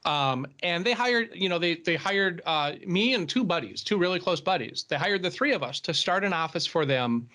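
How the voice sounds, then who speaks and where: A man from the telling a story on a podcast in a lively way, often laughing as he talks. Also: sits high, normal speed, hardly any pauses. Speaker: podcast co-host. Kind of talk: casual podcast chat.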